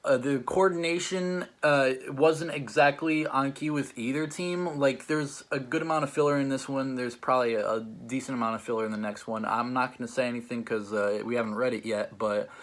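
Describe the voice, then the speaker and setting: A man who hosts and judges a challenge show talks casually while reviewing stories, rambling and hesitating with plenty of "like." His voice sits at a medium pitch with a steady tone, and he speaks a little fast with hardly any pauses.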